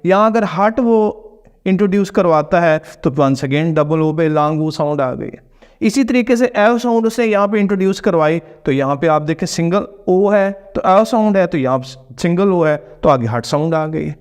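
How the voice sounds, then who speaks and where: Male teacher, slightly high, smooth resonant voice, patient and repetitive. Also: lively intonation, moderate pace. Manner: patient, repetitive explaining, mixes English words into Hindi. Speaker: English pronunciation teacher. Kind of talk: explanatory lesson.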